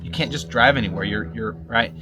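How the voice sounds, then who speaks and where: Male vlogger, casual sit-down chat, middle pitch, halting and repetitive, faint hiss behind. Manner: halting, repeats words, asks "right?" often. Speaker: vlogger, husband. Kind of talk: casual sit-down vlog talk.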